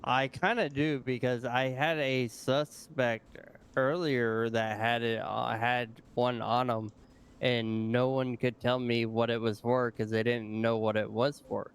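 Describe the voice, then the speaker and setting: A man in a casual roleplay, speaking in a steady, plain-spoken way. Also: mid-range voice, a little slow, smooth. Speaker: roleplay player as an officer.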